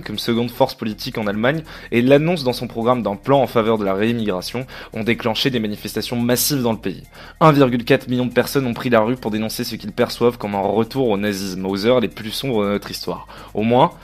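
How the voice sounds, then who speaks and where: A man from Provence reading a scripted political column in a declamatory way. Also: lowish voice. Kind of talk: read political commentary.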